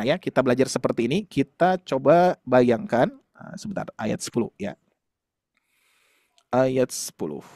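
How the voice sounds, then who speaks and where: A man's voice: fairly high pitch, no room sound, studio quality. A man teaching a Quran class online, explaining patiently to parents with many fillers and tag questions. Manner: patient, explanatory, addresses parents warmly as "Ayah Bunda".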